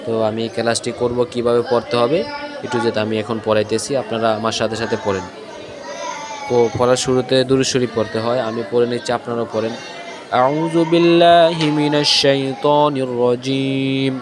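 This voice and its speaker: A man's voice: medium pitch, flat delivery, quick pace, a crowd in the background. A man with a Bangladeshi Bengali accent, teaching Quran reading. He drills Arabic letters and vowels and asks and answers his own questions. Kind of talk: slow recited Quran reading lesson.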